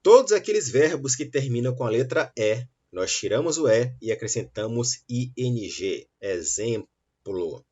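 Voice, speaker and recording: A man teaching an English lesson, saying model sentences slowly and clearly between quicker explanations. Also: mid-range voice, lively intonation, darkish tone. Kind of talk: online English lesson for Portuguese speakers. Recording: dull, lo-fi sound.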